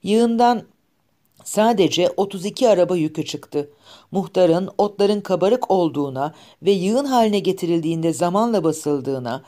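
A woman reading a classic novel aloud as an audiobook narrator, calm and steady. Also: on the low side. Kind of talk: scripted narration.

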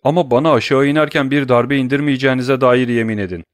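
A man's voice: medium pitch, fast talker, no room sound, studio quality, pitched above the performer's own voice, lightly acted. A man voicing a cowardly, scheming thief who whines and pleads in an audiobook reading. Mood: pleading. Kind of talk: audiobook character voice.

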